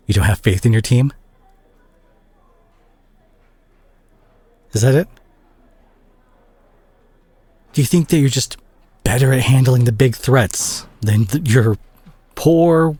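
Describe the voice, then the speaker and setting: In a dramatic audio roleplay, a man plays a concerned, exasperated superhero scolding a reckless teammate, his mood confrontational. His medium-pitched voice is husky, breathy, and a little mellow, with halting, emphatic pauses, recorded dry.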